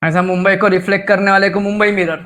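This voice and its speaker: A man's voice: high voice, steady tone, quick pace, bright, forceful tone. A man teaching an online class, quizzing students and teasing them with Marathi asides. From Maharashtra. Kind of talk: live online class lecture.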